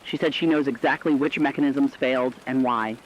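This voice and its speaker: In the role of a sober male radio correspondent passing on survivor testimony, this man plainly reads a scripted documentary-style report. His medium-pitched voice sounds close to everyday speech, fairly quick with fairly even intonation. The recording has dull lo-fi radio sound and faint noise.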